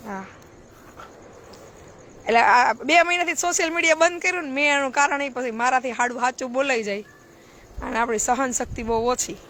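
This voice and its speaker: A high-pitched woman speaks bluntly on a live stream, lecturing with rhetorical questions. Faint noise sits under her voice. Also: normal speed, long pauses, fairly bright tone. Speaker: charity trust social worker. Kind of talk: outspoken live-stream talk.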